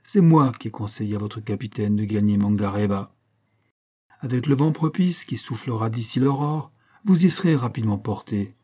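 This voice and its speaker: A man voicing a calm, wise man who speaks softly and without hurry. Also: fairly low pitch, breathy edge. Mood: soothing. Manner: soft, unhurried, soothing. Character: calm wise man, gentle island elder.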